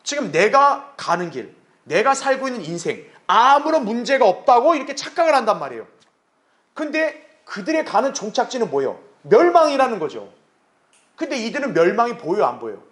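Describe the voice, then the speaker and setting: A man's voice: extremely high pitch, fairly quick. A male pastor giving an expository Bible lesson, asking rhetorical questions, answering them himself, and acting out quoted lines. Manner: acts out quoted speech in lively voices.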